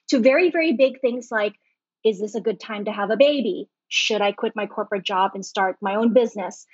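Woman from hong kong, kinda high voice, warm chatty explainer, dull muffled sound. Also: no echo. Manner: warm, explanatory, laughs easily. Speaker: guest, BaZi reader and feng shui master. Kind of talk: podcast interview. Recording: dull lo-fi, dry.

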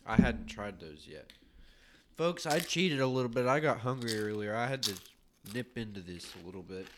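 Male co-host, casual chat, lively swinging pitch, animated joke teller. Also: moderate pace, noisy background. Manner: animated, laughs at own jokes. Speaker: podcast co-host.

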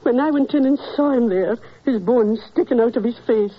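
A woman's voice: on the high side, normal speed, husky. An actress playing a distraught, tearful landlady who pleads and stammers, in 1940s radio acting. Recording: muffled old radio broadcast.

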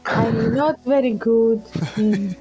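A woman's voice: a little high, slow pace, warm tone, slightly rough, soft background music, rough recording. A woman playing in an online tabletop game over a video call. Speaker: player.

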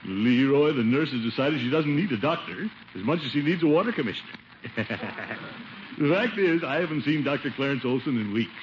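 A man's voice: mid-range voice, expressive, brisk, close to an everyday voice. A man plays a jolly, self-important middle-aged American bachelor uncle in a 1950s radio comedy. His hearty, theatrical voice swoops widely up and down. It comes through a muffled old broadcast with faint hiss. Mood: boastful, avuncular.

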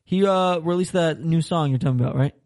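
Excitable young man telling stories. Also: a little high, brisk. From Florida. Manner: rambling, laughing, swears a lot, animated retelling. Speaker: podcast host. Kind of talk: casual storytelling chat.

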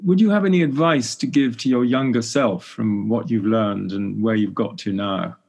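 A man's voice: lowish voice, vocal fry, breathy edge. A middle-aged man hosting an interview, affirming his guest and sometimes stumbling over repeated words. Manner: warm, affirming, slightly halting with repeated words. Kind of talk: conversational interview.

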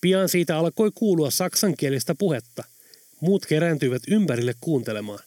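A man's voice: fairly high pitch, animated, a little mellow, no room sound. Man narrating an audiobook, dry studio sound. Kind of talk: scripted narration.

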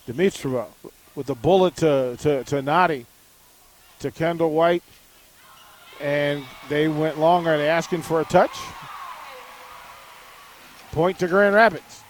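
A man calling live volleyball play-by-play for a radio network, naming each serve and point in a brisk, measured way. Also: a little high, a little hiss or hum. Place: arena broadcast position high above the court.

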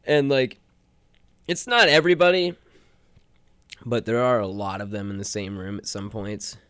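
A young man co-hosting a podcast in casual chat, laid-back, laughing often and trailing off into quiet asides. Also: fairly low pitch, fairly even intonation, moderate pace, smooth, no room sound, studio quality. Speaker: podcast co-host.

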